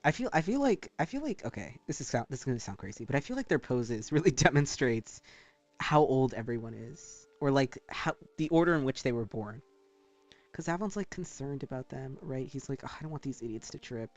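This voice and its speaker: A man talking casually and with some swearing as a streamer who draws live, rambling in an animated way. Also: medium pitch, brisk. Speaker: streamer drawing art live. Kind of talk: casual livestream chat while drawing.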